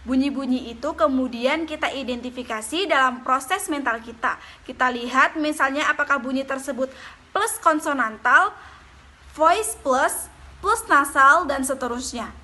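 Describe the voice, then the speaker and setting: High, bright-voiced woman reading a lesson. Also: normal speed. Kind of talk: reading a lecture presentation.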